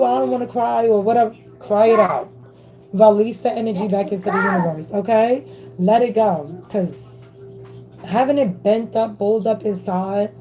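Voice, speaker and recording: A woman's voice: medium pitch, dark tone, rough recording. A woman giving a casual motivational spiritual talk into her phone camera, emphatic and slangy, checking in with listeners with a constant "okay?". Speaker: spiritual reader.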